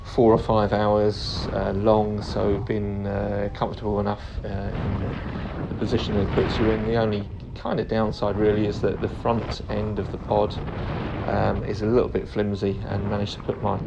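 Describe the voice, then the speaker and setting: A calm man narrates a flight vlog in a very monotone, creaky voice. He is understated and pauses often as he goes. Steady, clearly audible noise runs behind him. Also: lowish voice, highs cut off. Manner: calm, understated, hesitant delivery with frequent pauses. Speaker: paraglider pilot narrating own flight video. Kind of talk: casual flight vlog commentary. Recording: clear steady background noise, vehicle-like ambience.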